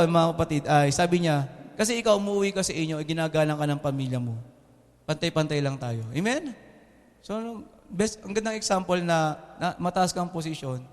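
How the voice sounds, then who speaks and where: Young Filipino pastor, male, preaches in a high, bright voice, trading jokes and "Amen?" with his flock; recorded in a reverberant church hall. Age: young adult. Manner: lively, joking, often asks the congregation "Amen?". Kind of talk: sermon. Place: church hall with air conditioning.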